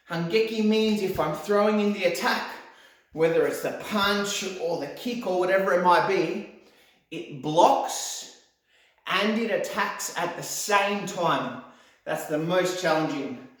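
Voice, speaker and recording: Recorded from afar in a strongly reverberant indoor hall, a karate instructor walks his class through techniques. His voice is high-pitched with a fairly bright tone.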